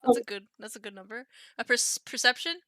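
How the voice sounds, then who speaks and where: A woman player in a tabletop game, chatty and quick to laugh. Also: fairly high pitch, big pitch swings, fairly bright tone.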